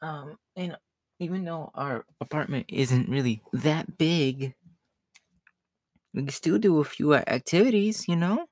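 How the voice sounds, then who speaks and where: Man as a slow, shy catboy, ASMR role-play. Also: fairly high pitch, no room sound, clean studio sound. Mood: hesitant, sweet. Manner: hesitant, bashful, soft-spoken with nervous giggles. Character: shy, gentle young catboy living with partner.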